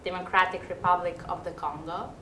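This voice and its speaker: A soft-spoken woman asks her interview questions quietly, pausing on small fillers. Her voice rings in an echoey room with a faint hiss underneath. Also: fairly low pitch, little pitch movement. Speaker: club interviewer.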